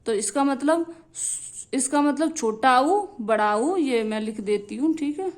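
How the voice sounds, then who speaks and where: A woman's voice: sits high, expressive, measured pace. A young woman teaching a lesson, repeating key phrases and checking in often with her students. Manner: repetitive, drilling phrases, frequent checks like "theek hai".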